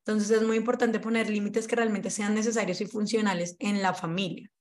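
A woman speaks as an interview guest. She explains things earnestly in a relaxed conversational flow, at an ordinary mid pitch. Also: brisk. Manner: earnest, explanatory, acts out parents' quoted lines. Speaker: guest on parenting.

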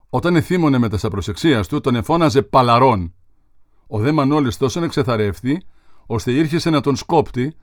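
A man narrating a literary audiobook in a measured, formal reading style. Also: medium pitch, no room sound, studio quality.

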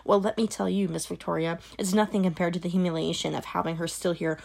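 A woman voicing a cold, controlling middle-aged mother in an audiobook, her words sharp and brittle. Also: lowish voice, flat delivery, fast talker, vocal fry. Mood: venomous. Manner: sharp, brittle, dropping to a hiss. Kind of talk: audiobook character voice.

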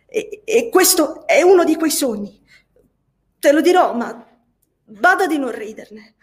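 Woman voicing a passionate young woman, high voice, stammering, emotional audiobook reading. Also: expressive, measured pace. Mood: earnest. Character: passionate troubled young woman telling a dream.

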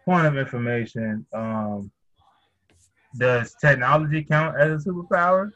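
A man's voice: mid-range voice, unhurried, fairly bright tone, dry recording, dull audio. A man hosting a podcast, chatting casually in laid-back slang. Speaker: podcast host. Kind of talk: casual chat.

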